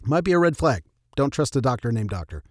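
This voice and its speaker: A man's voice: mid-range voice, big pitch swings, brisk, darkish tone, dry recording, studio quality. A man narrating scripted history in a true crime storyteller's style, with wry, tongue-in-cheek asides. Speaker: narrator and host of a history show.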